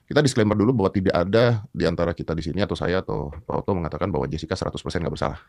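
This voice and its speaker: Podcast host guy, gravelly low voice, quick casual jokey talk. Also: a little mellow, no room sound, clean studio sound. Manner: casual, jokey, self-deprecating. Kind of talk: podcast interview.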